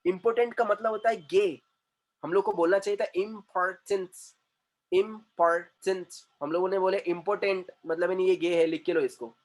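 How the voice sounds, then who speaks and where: Emphatic high-voiced male teacher. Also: fairly even intonation, a little fast. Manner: emphatic, repeats words to drill pronunciation; switches between Hindi and English mid-sentence. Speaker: English pronunciation trainer. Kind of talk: classroom-style lesson.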